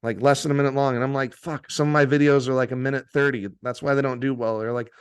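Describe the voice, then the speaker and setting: Here a young adult male meditation teacher, on as a guest, talks fast in a mid-range voice with a steady, clean tone. The interview chat is casual, packed with "like" and plenty of swearing.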